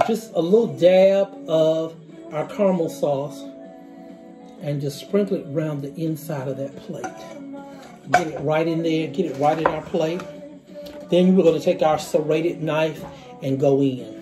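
Over background music, a middle-aged cooking show host walks through a recipe in his small home kitchen, speaking a little slowly with long pauses in a fairly high voice. He's instructive, repeats the key steps, and exclaims as he savors the food.

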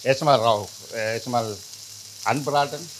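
A man's voice: medium pitch, measured pace, fairly bright tone, a little hiss or hum. A man, a chef giving short, simple answers in broken phrasing while cooking in a large indoor professional kitchen. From Sri Lanka. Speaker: chef, sauce cook. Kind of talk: casual cooking chat. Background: background music and sizzling pan.

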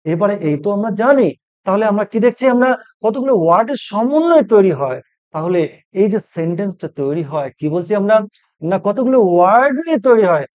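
A man teaching a spoken English lesson, slowly spelling out letters and syllables. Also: high-pitched, sing-song, a little mellow, dull audio.

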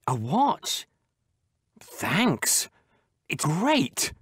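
A man acting a grateful young man in a textbook listening dialogue, with a soft husky voice. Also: a little high, huge pitch swings, drawn-out words, no room sound, studio quality, full character voice.

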